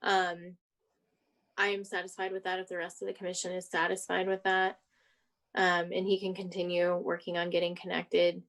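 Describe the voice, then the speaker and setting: A woman's voice: on the low side, monotone, normal speed, fairly bright tone. A woman mayor chairing a city commission meeting, speaking politely and procedurally.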